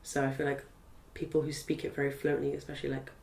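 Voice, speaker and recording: A young Zimbabwean woman whose first language is Portuguese chats in a casual interview, using lots of fillers. Her voice is very low and rumbling, monotone, fast, gravelly, and a little mellow, captured with a roomy sound from a distant mic.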